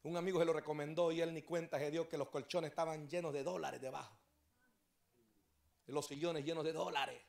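High gravelly-voiced preacher. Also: male voice, steady tone, fairly quick. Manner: storytelling preacher who rises to shouted exhortation. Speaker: pastor. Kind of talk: evangelistic sermon. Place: church service.

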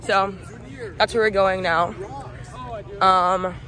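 A young woman with a hoarse, worn voice, wry and self-deprecating on a school tour vlog. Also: medium pitch, fairly even intonation, takes it slowly, sharp tone, a faint crowd. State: hoarse, lost her voice. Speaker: graduating senior on a school tour. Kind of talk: casual vlog chat. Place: school campus, outdoors.

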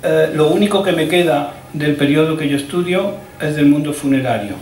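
A man's voice: on the high side, normal speed, darkish tone, slight background noise. Man lecturing in an echoey room. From Córdoba, Spain. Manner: informal, emphatic, with asides and restarts. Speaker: guest lecturer. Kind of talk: museum lecture. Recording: echoey room, voice picked up from a distance.

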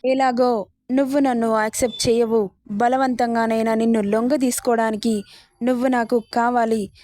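A woman voicing an obsessed, jealous young woman who shouts and pleads for the man she wants. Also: fairly high pitch, level tone, normal speed, dry recording, natural voice. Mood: obsessive.

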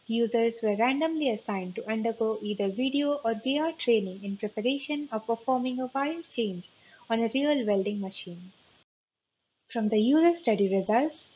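A woman presenting research in a steady, scripted conference-talk narration, recorded close on a webcam mic. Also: on the high side. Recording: slightly dull, faint hiss.

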